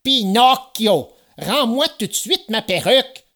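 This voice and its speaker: A man's voice: very high voice, animated, a little slow, sharp tone, voice pushed up, exaggerated voice. A man reading a storybook aloud, voicing a fussy, easily vexed old woodcarver with theatrical exclamations. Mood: irritated.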